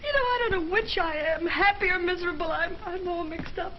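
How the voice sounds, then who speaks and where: An actress playing an excitable, naive small-town young woman in breathless, flustered 1930s screwball comedy banter, on an old film soundtrack. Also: extremely high pitch, fairly quick, highs cut off, a little hiss or hum. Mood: mixed up.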